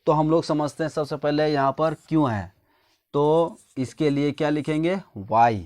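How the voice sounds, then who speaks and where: A man's voice: fairly high pitch, a little slow, a little mellow. A man from India explaining English grammar step by step, asking his own questions and answering them, dictating example sentences word by word. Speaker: English teacher.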